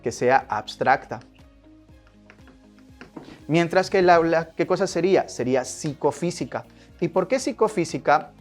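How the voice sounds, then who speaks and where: A man teaches a language class, his voice sitting a little high. He keeps asking the class questions and then answering them himself, in a steady lecturing manner. Faint music plays under the recording.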